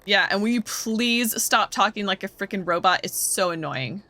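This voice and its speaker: A woman's voice: medium pitch, animated, pushed and bright. A woman voicing a blunt, sarcastic young apprentice in a game. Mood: angry. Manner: sarcastic, rude, quick.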